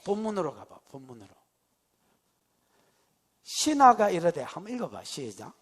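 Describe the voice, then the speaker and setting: A pastor preaching a sermon in a church, swinging dramatically between shouting and hushed whispers. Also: male voice, sits high, very animated, moderate pace. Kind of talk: expository sermon. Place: church sanctuary. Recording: reverberant church hall.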